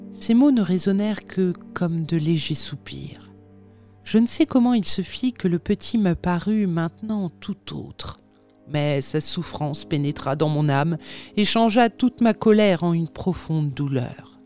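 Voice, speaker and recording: Audiobook narrator, measured dramatic storytelling, middle pitch, faint music underneath. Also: animated, a little mellow. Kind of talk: audiobook reading of a classic tale.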